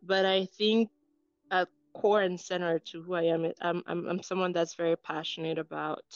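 A woman's voice: fairly low pitch, flat delivery, normal speed, dry recording, faint music behind. Earnest woman from Cameroon, muffled audio. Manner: earnest, composed, speaks in lists. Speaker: guest, engineer and academic coach. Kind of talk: interview answers.

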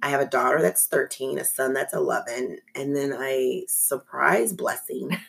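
Low gravelly woman in her forties. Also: normal speed, a bit bright. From California. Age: 40s. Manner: nervous, laughing, self-deprecating. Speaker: podcast guest. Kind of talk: casual interview.

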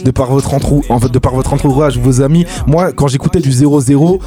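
A young man hosting a radio show, chatting casually about rap in quick, slangy speech with lots of restarts. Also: medium pitch, fairly even intonation, warm tone, soft background music. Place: radio studio.

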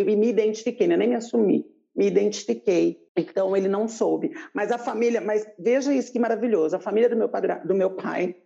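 A woman recounting her own story in an interview, animated and lively, jumping up in pitch whenever she acts out what someone said. Her voice is gravelly and mellow, and the recording sounds dull and lo-fi. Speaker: guest telling her life story.

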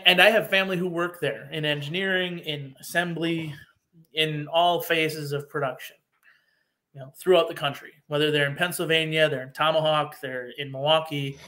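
A man's voice: on the high side, sharp tone. A man from Wisconsin, a guest on a casual podcast chat, explaining things in earnest detail with many restarts.

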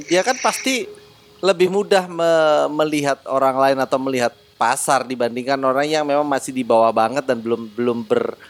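A man hosting a casual podcast, joking and swearing as he asks questions. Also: on the high side. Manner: joking, swears, bursts into laughter. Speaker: podcast host.

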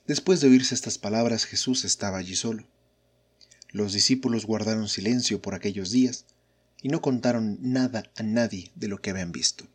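A man reading scripture aloud in a slow, measured, solemn way. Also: on the low side, slightly rough. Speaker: scripture reader.

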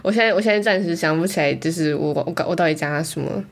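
A young woman talks quickly in casual chat. Her voice sits a little low, and she sounds indignant as she complains. Her delivery is brisk and direct.

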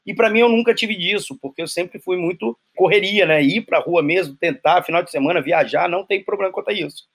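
High-voiced Brazilian man, measured guest. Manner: thoughtful, measured, explanatory. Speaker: guest entrepreneur. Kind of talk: casual conversational interview. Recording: faint music underneath.

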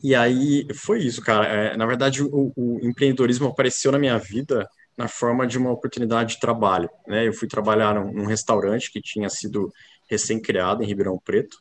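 A man, a company co-founder talking casually as an interview guest, relaxed and rambling with many fillers. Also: mid-range voice, a little fast. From interior of São Paulo state, Brazil.

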